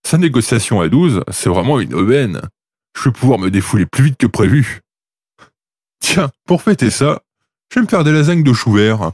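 An actor playing God as an offhand, weary, self-satisfied bureaucrat in a comedic audio drama, speaking with casual, curt authority. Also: male voice, medium pitch, big pitch swings, moderate pace, darkish tone, dry recording, studio quality.

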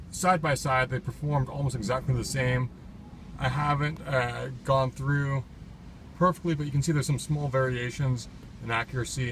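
Man, medium pitch, casual demo commentary, tech reviewer, clear city noise from inside a car.

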